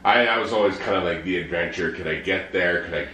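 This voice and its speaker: A middle-aged man chatting casually, unhurried and understated, with some hesitation. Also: sits low, pushed and bright. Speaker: vlogger's partner, co-answering questions. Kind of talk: casual chat. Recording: roomy echo, faint background noise.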